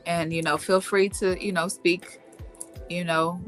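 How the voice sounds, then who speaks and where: Slow, low-voiced woman hosting a talk show. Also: little pitch movement, soft background music. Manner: laid-back, many fillers like "you know" and "um". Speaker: host.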